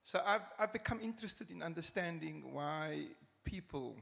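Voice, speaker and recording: Man on a festival panel, gravelly voice, halting and reflective, reverberant hall. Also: on the high side, lively intonation, a bit bright. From Cape Town, South Africa. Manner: reflective, halting, with many restarts. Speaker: panel guest, criminology academic. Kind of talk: live panel discussion.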